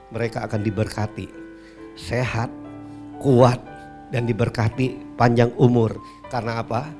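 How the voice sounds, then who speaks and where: A man preaching a sermon at a church service, telling a story with lively acted-out moments and calling out to the congregation. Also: medium pitch. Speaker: pastor.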